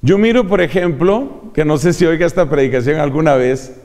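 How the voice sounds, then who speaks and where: A man teaching how to preach, in a measured lecture manner that shows off his vocal range. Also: a little high, darkish tone. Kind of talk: homiletics lecture. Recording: long hall reverb.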